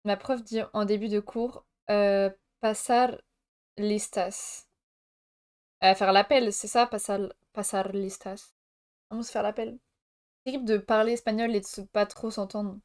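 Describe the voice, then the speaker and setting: A teenage woman streams live from France, chatting to her viewers in a relaxed way. Her voice is smooth and clear, and she speaks at an unhurried pace. She laughs often and jokes around playfully. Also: mid-range voice. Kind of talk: casual live-stream chat.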